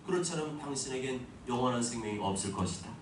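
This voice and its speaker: A man preaching an expository sermon as pastor, swinging from soft asides to loud emphatic declarations. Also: mid-range voice, animated, rapid-fire, reverberant, far from the mic, slight background noise, poor audio. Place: church sanctuary.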